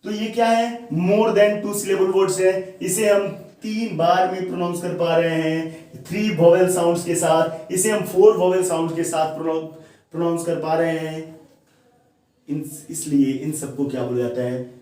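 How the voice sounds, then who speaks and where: Man, teacher, slow deliberate delivery, slightly high voice, echoey distant sound. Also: fairly even intonation, dark tone. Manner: questions the viewer often and answers himself, repeats key words. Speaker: English teacher. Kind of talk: classroom-style grammar lesson. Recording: very echoey room, voice far from the mic.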